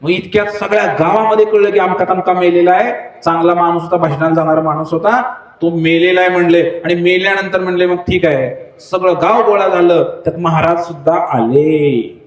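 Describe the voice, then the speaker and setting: A male preacher with a Marathi accent tells a long story in a sermon and slips into the characters' voices and cries. His voice sits high and animated. The recording has a roomy, echoey hall sound. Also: normal speed.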